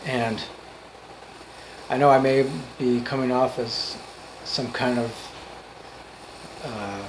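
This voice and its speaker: A man giving an off-the-cuff motivational monologue, earnest and emphatic, in halting phrases that repeat for emphasis. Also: mid-range voice, fairly even intonation, slight background noise, poor audio. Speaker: amateur motivational speaker.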